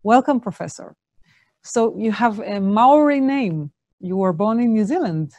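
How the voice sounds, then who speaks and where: A woman interviewing guests, asking long questions with many pauses and fillers. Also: medium pitch, expressive, darkish tone, dry recording, muffled recording.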